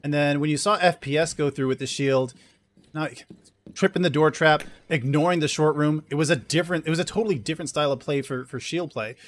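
A man casting a tactical shooter tournament as play-by-play commentator, excitable and quick to burst into loud exclamations. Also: on the high side. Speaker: esports caster.

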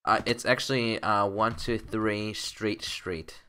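A man's voice: lowish voice, steady tone, takes it slowly, sharp tone, clear, resonant tone. A young man chatting casually and joking around while playing a game with a friend. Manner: joking, playful banter. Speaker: gaming channel co-host. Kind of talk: casual gameplay chat.

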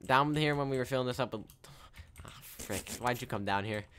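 A man hosting a modded survival game let's play, chatting casually, goofy and quick to laugh. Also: medium pitch, a bit bright, a little hiss or hum. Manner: goofy, laughs often, swaps in mild swears. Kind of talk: casual gaming commentary.

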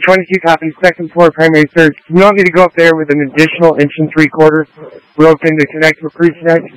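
A man's voice: a little high, little pitch movement, fast, a bit bright, clean tone, no echo, rough recording. A male firefighter checking in and confirming assignments over a two-way radio.

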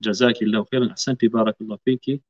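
A man's voice: lowish voice, fairly even intonation, racing, a little mellow. A man teaching a Quran recitation class online. He patiently corrects students and models each word for them to repeat. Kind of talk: online tajweed class instruction. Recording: lo-fi online call audio.

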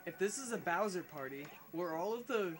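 A man's voice: sits high, expressive, fairly quick, faint music behind. A man joking around with friends while playing a party video game. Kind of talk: casual let's-play banter.

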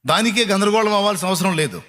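A man's voice: high-pitched, fast, a bit bright. A middle-aged man preaching a sermon, pressing the congregation with repeated rhetorical questions and emphatic, insistent phrasing. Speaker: pastor.

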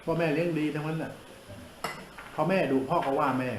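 A man's voice: on the high side, fairly even intonation, a little fast, echoey room, background noise. An older man, a monk giving a blunt, informal sermon, coarse and scolding, who laughs at his own jokes.

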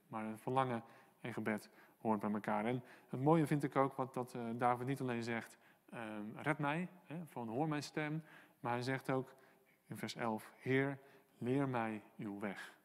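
A man preaching a sermon as pastor, earnest and encouraging, pausing often with "eh" and "ehm" and reading out prayers from the psalm. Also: mid-range voice, in a large hall. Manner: earnest, encouraging, many hesitations and quoted prayers. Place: church hall.

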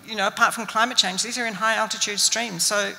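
A woman's voice: medium pitch, fairly even intonation, quick pace, vocal fry, bright, forceful tone. An older woman scientist speaking earnestly on a panel into a handheld mic, with many fillers and restarts and an Australian accent. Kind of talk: panel discussion answer. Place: stage of an event hall. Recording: long reverb of a hall.

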